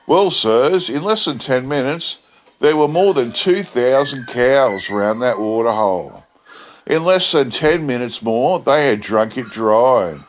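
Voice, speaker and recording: Man playing a slow, laconic drawling outback drover. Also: mid-range voice, expressive, slight background noise, voice pushed up, natural voice. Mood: emphatic, deadpan. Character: tall, laconic male bush drover spinning a tall tale. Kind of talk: dramatic bush yarn storytelling.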